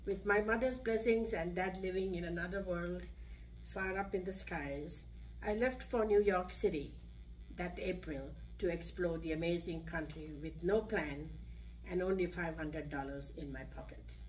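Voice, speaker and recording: A woman's voice: lowish voice, soft background music. An older woman from Sri Lanka, reading her own personal story aloud at a podium in a senior center. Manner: measured, reads from a page. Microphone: podium mic. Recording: distant room recording, faint hum.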